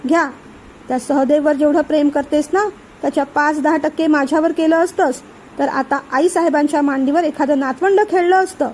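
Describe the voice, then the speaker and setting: A woman's voice: high-pitched, steady tone, a little fast, darkish tone, a little hiss or hum, close to an everyday voice. A woman reading a stern elder brother's lines in a curt, scolding way.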